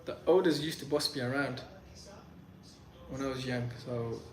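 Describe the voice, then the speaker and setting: A young man whose first language is Pashto hosts a casual live Q&A from his phone in Medellín, Colombia, answering chat questions in a loose, rambling way packed with "like" and restarts. His medium-pitched voice moves at a moderate pace, and the echoey room has clear background noise.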